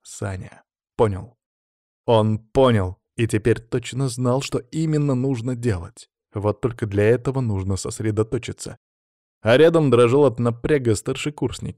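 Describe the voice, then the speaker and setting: A man reads an adventure audiobook in a steady, measured way at a middle pitch. The sound is close and dry, with no room around it. His telling is even and controlled. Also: no room sound. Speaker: audiobook narrator. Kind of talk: scripted narration.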